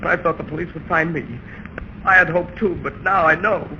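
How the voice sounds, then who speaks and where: A man's voice: a little high, fairly even intonation, normal speed, bright, forceful tone. An actor playing a despairing, hysterical chained prisoner in a 1930s radio drama, his voice frantic and strained. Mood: bitter, despairing. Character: despairing, hysterical male captive chained for two months. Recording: noisy, muffled 1930s radio recording.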